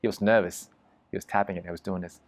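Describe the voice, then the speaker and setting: A man's voice: low voice, steady tone, fast talker. A man as an interview guest, telling a vivid story emphatically and swearing freely.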